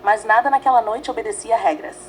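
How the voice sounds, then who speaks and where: A woman narrating a fanfiction story in a dramatic, measured way, reading in short phrases. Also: a little high, slight background noise, rough recording.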